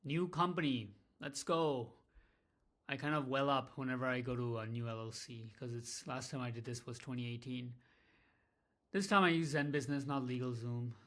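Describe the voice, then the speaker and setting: A small business owner vlogs casually and candidly about his business, rambling, swearing, and putting himself down. His voice is medium-pitched and fairly bright, with a moderate pace.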